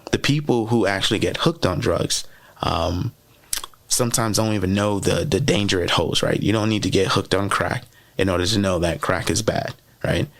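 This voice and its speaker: A low-pitched man whose native language is French hosts a podcast with a motivational teaching talk. He keeps it chatty, repeating key phrases and regularly asking "right?"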